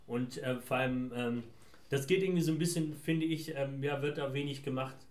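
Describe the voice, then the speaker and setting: A man's voice: medium pitch, brisk, a little mellow. Reflective man in a roomy room. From Afghanistan. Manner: reflective, talks in long winding sentences. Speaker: guest, founder. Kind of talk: casual interview answers. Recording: roomy echo.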